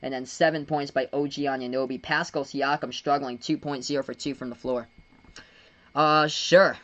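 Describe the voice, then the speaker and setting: A young man from Massachusetts streaming live basketball play-by-play. He speeds into excited calls of the action between relaxed chats with viewers. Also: mid-range voice, normal speed. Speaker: live-stream sports commentator. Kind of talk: live play-by-play with chat shout-outs.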